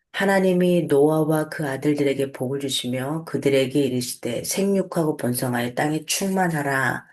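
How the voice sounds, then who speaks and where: A woman with a notably low-pitched voice reads scripture aloud and then talks it through. Her teaching is relaxed and conversational, full of small fillers and self-corrections. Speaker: host, Bible teacher. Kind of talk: Bible reading and casual explanatory teaching.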